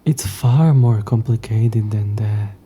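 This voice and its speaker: In a scripted audio roleplay, a man plays a haughty, possessive ancient demon, speaking slowly in a lowish, hushed and breathy voice. His speech is dry, condescending and formal, and his mood is grudging and curt.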